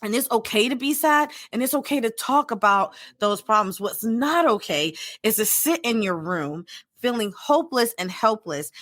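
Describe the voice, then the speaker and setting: A middle-aged woman, a therapist co-hosting a podcast, chatting casually and telling stories with lively quoted asides. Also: mid-range voice, no room sound. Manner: animated, storytelling with quoted asides. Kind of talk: casual chat.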